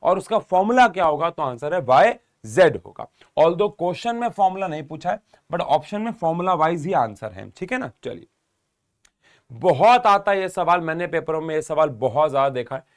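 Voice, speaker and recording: A man's voice: fairly high pitch, lively intonation, normal speed. A young man teaching an exam-prep chemistry lesson, explaining step by step and speaking straight to his students.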